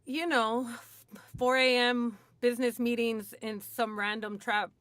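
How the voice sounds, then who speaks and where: Speaking at a measured pace with a fairly bright, high-leaning voice and fairly even intonation, this Hollywood, USA guest in recovery shares her story openly in a radio studio. Her chatty manner is full of "like" and "you know," and she laughs a lot; there's no room sound.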